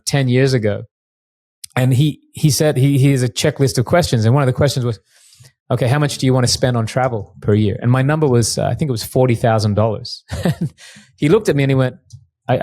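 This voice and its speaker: Aussie guy in his 40s chatting on a podcast, mid-pitched voice, dry close sound, laid back and rambly. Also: no echo. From Australia. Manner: relaxed storytelling, frequent restarts. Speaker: guest mortgage broker. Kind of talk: casual interview chat.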